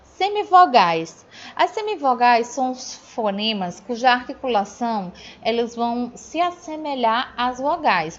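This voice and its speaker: A Brazilian woman teacher going over grammar in a recorded review lesson, explaining step by step and checking in with her students. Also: a little high. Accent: Brazilian Portuguese. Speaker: Portuguese teacher. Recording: dull lo-fi audio.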